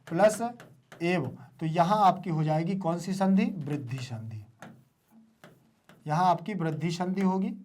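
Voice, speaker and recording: A woman teacher giving an online grammar lesson, repeating key words and asking students quick questions. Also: lowish voice, darkish tone, slight background noise.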